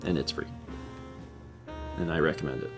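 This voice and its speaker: A man's voice: rumbling low, fairly even intonation, normal speed, over music. A man hosting a casual livestream, rambling and repeating himself as he muses and reads out viewer comments. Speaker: livestream host.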